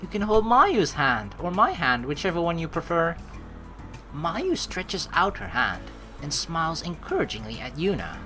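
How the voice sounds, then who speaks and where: A woman with a lowish voice does let's play commentary at a moderate pace, reading the game's narration aloud with expression and reacting to it. She exclaims and responds out loud, and faint game music plays behind her.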